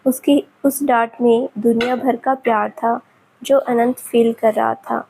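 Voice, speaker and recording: A woman narrating a romance story in a gentle, emotive reading. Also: a little high, level tone, measured pace, gravelly, a little hiss or hum, low-quality recording.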